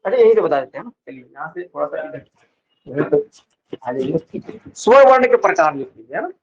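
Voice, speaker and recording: A slightly high, sing-song male voice delivers a classroom-style vowel lesson, slowly explaining and lengthening example words, pausing often to check whether students follow along. Expect dull, lo-fi sound.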